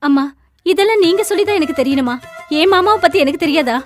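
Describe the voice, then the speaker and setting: A quick, high-voiced college girl. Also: lively intonation, faint music behind. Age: young adult. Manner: forthright, lecturing. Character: spirited young college woman, devoted to her uncle. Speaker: college student. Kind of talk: Tamil film dialogue.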